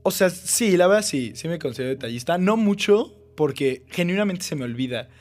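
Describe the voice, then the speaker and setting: A young man with a Mexican accent telling a story as a guest in a casual interview, animated and full of quick asides. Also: fairly high pitch, soft background music. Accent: Mexican Spanish.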